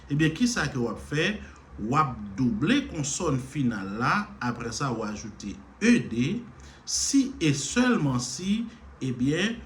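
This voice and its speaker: A man's voice: medium pitch, slight background noise. A Haitian man teaching English grammar in a patient lesson style, repeating words to stress their syllables. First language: Haitian Creole. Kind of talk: slow explanatory lesson.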